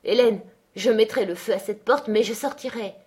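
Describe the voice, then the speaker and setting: A woman reading aloud, voicing a spirited, strong-willed young woman who speaks urgently, a little higher than her narration. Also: moderate pace, darkish tone, husky. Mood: defiant.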